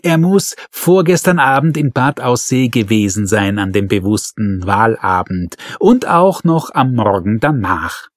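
A man's voice: on the low side, sing-song, a little slow, hardly any pauses, dry recording, studio quality. A man voicing an awkward male police officer, reporting in a hesitant, matter-of-fact way.

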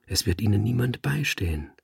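A man voicing an expedition artist giving hushed, urgent warnings in a storybook reading. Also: fairly low pitch, lively intonation, a little fast, vocal fry, husky, dry recording, studio quality, heavily acted.

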